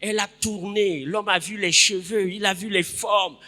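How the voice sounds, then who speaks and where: A man preaching a sermon in a church, emphatic, repeating his phrases and breaking into sudden loud bursts. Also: sits high, fairly even intonation, normal speed, big-room sound.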